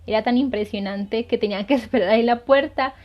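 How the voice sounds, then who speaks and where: A woman's voice: fairly high pitch, a little fast. A woman missionary earnestly telling a saint's life to viewers, hesitating often with fillers. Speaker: lay missionary. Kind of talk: devotional storytelling. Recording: dull lo-fi sound.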